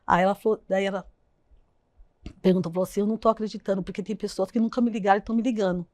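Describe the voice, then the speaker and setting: A woman tells a painful personal story as an interview guest. She speaks haltingly, repeating herself and acting out the dialogue of others. Her voice is mid-pitched and sounds dry and close. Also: fairly even intonation, darkish tone, no room sound. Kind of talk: emotional personal account.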